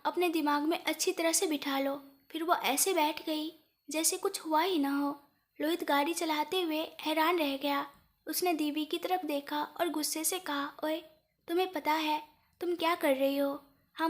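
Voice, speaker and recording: Woman, high voice, scripted story narration, same plain voice for every character.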